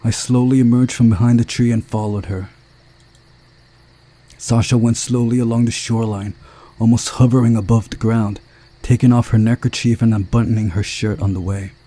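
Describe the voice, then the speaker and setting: A man with a medium-pitched voice reads a visual novel aloud as a narrated story. He gives each character a voice and keeps a relaxed, unhurried pace.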